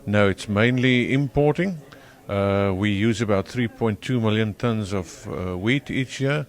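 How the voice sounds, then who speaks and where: Low-pitched man with a broad South African accent. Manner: halting, self-correcting. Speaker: farmer, interview guest. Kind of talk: interview answers.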